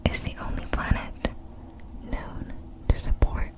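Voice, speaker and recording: Here a woman whispers breathily throughout, like an ASMR creator. She reads facts at a very slow pace, soft measured phrases separated by small pauses.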